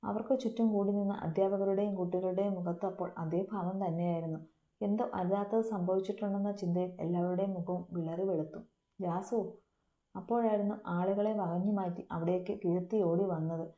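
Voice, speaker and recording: A woman's voice: fairly low pitch, fairly even intonation, a little fast, highs cut off. A woman narrating a romance story with a dramatic, emotive reading. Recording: roomy echo.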